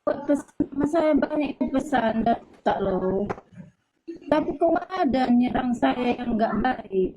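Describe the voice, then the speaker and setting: A woman's voice: sits high, lively intonation, unhurried. A woman calling in, complaining in an aggrieved way, her voice choppy and breaking up over the line. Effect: choppy, breaking-up call audio. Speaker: caller. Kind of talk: heated call-in complaint. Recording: muffled lo-fi call with faint noise and clicks.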